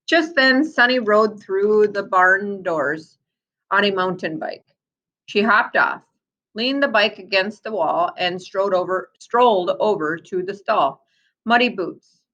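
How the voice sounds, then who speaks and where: A woman reads a storybook aloud in a teacherly way, her delivery deliberate and expressive, with asides to the young children listening. Her voice sits in the mid range, and the sound is lo-fi.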